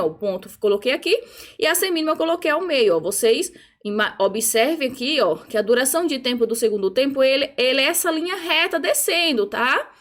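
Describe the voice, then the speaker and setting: High-pitched lady teaching rhythm online, patient, keeps checking everyone's following. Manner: patient explaining, frequent "ó" and "tá?" checks; chants rhythm syllables while conducting. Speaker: music teacher. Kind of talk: online music theory lesson.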